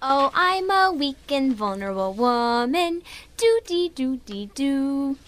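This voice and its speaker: A swooning, helpless damsel. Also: female voice, sits high, expressive, takes it slowly, a bit bright, exaggerated voice. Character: prim damsel-in-distress woman, theatrical and helpless. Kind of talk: comedy radio-drama ad parody.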